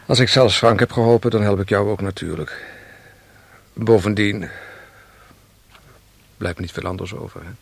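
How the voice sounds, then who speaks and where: A man's voice: fairly low pitch, fairly even intonation, normal speed, creaky, long pauses. An actor playing a cynical young man who talks to his father in a casual, offhand way. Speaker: son. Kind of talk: radio drama acting.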